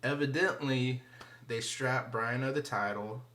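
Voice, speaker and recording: Here a male wrestling vlogger speaks in a mid-range voice, unhurried yet bright and forceful. His laid-back review wanders along, full of swearing, slang and filler words, with frequent drifts into mumbling.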